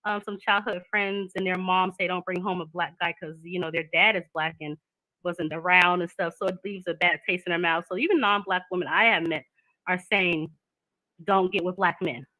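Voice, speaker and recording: A woman's voice: fairly low pitch, steady tone, moderate pace, bright, forceful tone, no room sound, low-quality recording. A woman, talking candidly in a casual chat and laughing often.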